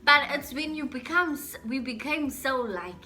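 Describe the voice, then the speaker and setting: A woman's voice: high-pitched, expressive, normal speed, bright, forceful tone. A young woman with a South African accent, chatting casually as a vlogger. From South Africa, Johannesburg then Durban. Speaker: YouTube vlogger. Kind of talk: casual chat.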